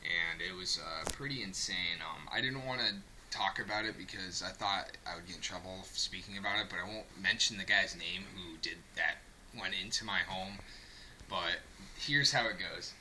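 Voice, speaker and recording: A man's voice: low-pitched, normal speed, bright, forceful tone, a little hiss or hum, rough recording. A young man telling a story casually to a handheld camera in his apartment, rambling and swearing as he repeats himself. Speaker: vlogger. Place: apartment room, indoors. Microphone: camera held by a cameraman.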